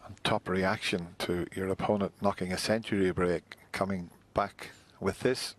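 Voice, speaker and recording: A man giving hushed, measured live commentary on a snooker match. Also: deep voice, fairly even intonation. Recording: arena crowd and ambient noise. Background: snooker arena audience.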